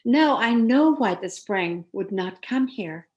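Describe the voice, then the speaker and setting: A woman's voice: a little high, animated, takes it slowly, a little mellow, dull audio. A woman voicing a big, kind, remorseful male giant from a storybook, speaking tenderly. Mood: resolved.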